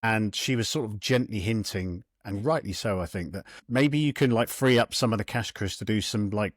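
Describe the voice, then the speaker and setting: A man's voice: lowish voice, normal speed, no room sound, studio quality. A man hosting a podcast, talking reflectively and self-deprecatingly about money, with laughs. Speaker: podcast host. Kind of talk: casual podcast chat.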